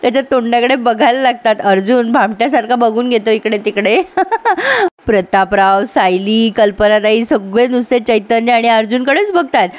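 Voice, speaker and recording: A woman's voice: on the high side, lively intonation, normal speed. A woman retelling a TV serial episode to her viewers in a chatty, storytelling way. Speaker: TV serial reviewer.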